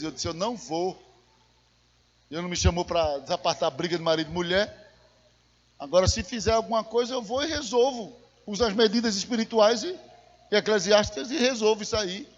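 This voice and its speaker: A man preaching a sermon as an evangelist, telling a story with animation and calling his listeners brother. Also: sits high. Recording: reverberant hall, muffled lo-fi sound.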